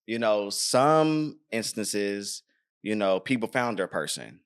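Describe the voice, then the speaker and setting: A man's voice: fairly low pitch, lively intonation, slow pace, smooth. A man hosting a podcast, talking in a loose, rambling, casual way and swearing freely. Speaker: podcast host.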